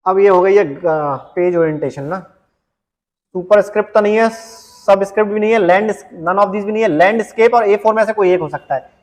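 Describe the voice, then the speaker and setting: A man teaching an exam-prep computer lesson, reading English questions slowly and explaining them in casual Hindi. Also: sits high. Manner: often adds "ठीक है" as a check-in.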